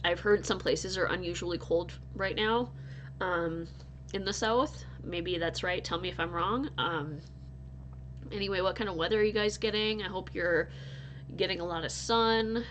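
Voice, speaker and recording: A married woman from North Dakota hosts a laid-back crochet vlog, speaking at a moderate pace in a fairly low voice with a fairly bright tone. Recovering from illness, she sounds stuffy and sniffly while she rambles, laughs, and restarts her sentences often. There's a little hiss or hum in the background.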